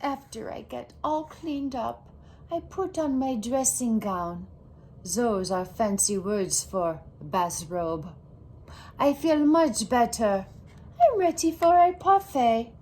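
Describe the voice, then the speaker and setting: A woman voicing an excitable little girl who adores fancy things, with a dramatic, grandly precious delivery in a storybook. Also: on the high side, slow, a little hiss or hum. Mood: recovering, content.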